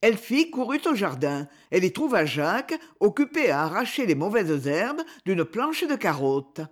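A woman narrating a children's story with expressive reading. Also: medium pitch, moderate pace. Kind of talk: scripted narration.

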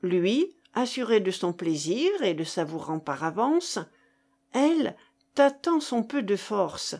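A woman narrating a classic novel aloud in a measured, expressive reading. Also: mid-range voice. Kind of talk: audiobook reading of classic fiction.

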